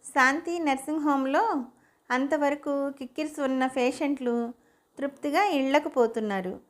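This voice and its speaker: High-voiced woman narrating a story. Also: normal speed. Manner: steady, expressive storytelling. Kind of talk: audiobook narration.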